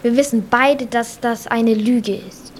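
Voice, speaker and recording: A woman's voice: a little high, fairly even intonation, takes it slowly, slight background noise. A woman playing a scornful, gloating schoolboy villain in a children's audio drama.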